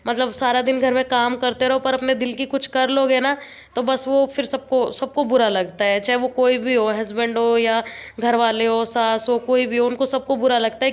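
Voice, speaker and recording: A high-pitched young woman talks through a casual home vlog voice-over. She keeps up a chatty, complaining run of storytelling, with a roomy echo around her voice from the room at home. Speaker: home vlogger.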